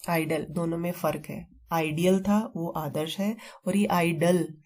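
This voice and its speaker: Low, mellow-voiced woman teaching vocabulary. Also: steady tone. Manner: explains slowly with memory tricks, repeats terms. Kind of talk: vocabulary lesson.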